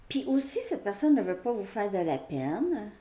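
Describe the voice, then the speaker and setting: A woman's voice: medium pitch, very animated, moderate pace, dark tone. A woman with a Québécois French accent giving a casual, rambling tarot reading, thinking aloud with many fillers. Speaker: tarot reader. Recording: echoey room with faint noise.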